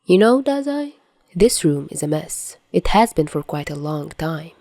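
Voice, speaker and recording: A woman reading the part of a cold, controlling middle-aged man who speaks calmly and cruelly, in a podfic. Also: sits low, fairly quick, no room sound. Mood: coldly calm. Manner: calm, cruel, falsely gentle.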